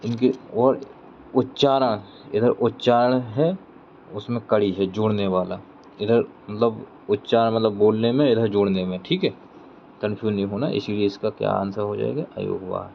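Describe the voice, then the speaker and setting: A man's voice: on the low side, fairly even intonation, normal speed, creaky. A man teaching an exam-prep Hindi grammar lesson, who reads each question aloud, repeats it, and then answers it himself step by step. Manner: explains step by step, checking in with "theek hai". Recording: dull lo-fi sound with faint vehicle noise.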